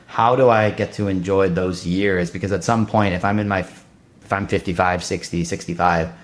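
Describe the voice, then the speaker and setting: A man's voice: low-pitched, fairly even intonation. A man in his thirties, a podcast guest, talking casually in a loose, restless way full of fillers and restarts. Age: 30s. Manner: fast, loose, filler-heavy talk with many restarts. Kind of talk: casual conversation.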